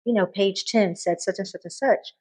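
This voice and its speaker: A woman talking casually as a podcast guest and medical professional, expressive and quick to laugh. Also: medium pitch, poor audio. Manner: animated, laughs often, expressive storytelling.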